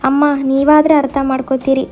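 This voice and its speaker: A woman's voice: high-pitched, level tone, brisk, dark tone, natural voice. A woman voicing a young married son, torn between his wife and mother, speaking in a pleading, apologetic way.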